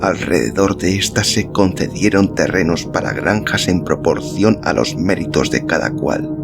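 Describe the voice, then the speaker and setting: A man with a bass voice and vocal fry narrates a literary story from a script, as an audiobook-style podcast narrator. Instrumental music plays behind him.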